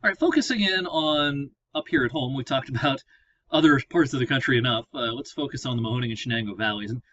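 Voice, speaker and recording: A man's voice: mid-range voice, fast, a bit bright, no echo. A man working as a meteorologist gives a casual weather briefing, explaining as he clicks through maps at a computer. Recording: slightly dull lo-fi audio.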